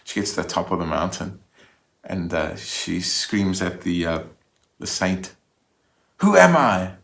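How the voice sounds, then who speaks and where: A man's voice: low voice, flat delivery, a little slow, gravelly, a bit bright. A man giving a Sunday reflection as a minister, speaking conversationally and often restarting his sentences.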